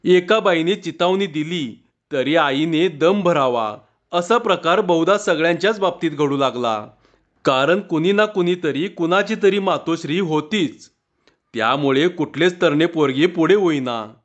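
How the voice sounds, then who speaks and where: A man's voice: on the high side, animated. A man reading a humorous story aloud, narrating steadily and voicing the village dialogue. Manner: measured narration with voiced dialogue. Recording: dull lo-fi recording.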